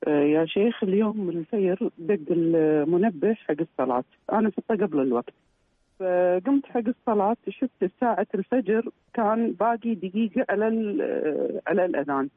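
A woman calling in to a radio show, who tells her story haltingly and stumbles over her words. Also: medium pitch, animated, no room sound. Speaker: caller. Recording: dry, tinny phone line.

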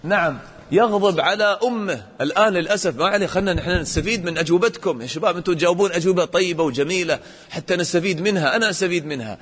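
A man teaching a religious lesson to children, questioning the class and acting out examples in an animated way. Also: sits high, racing, husky, long reverb tail.

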